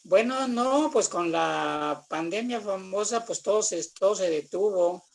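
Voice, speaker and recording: On a video call, an older man with a Mexican accent, a theatre artist appearing as a guest, tells anecdotes in a casual, rambling way and repeats phrases. His voice sits high and is a little slow, with vocal fry.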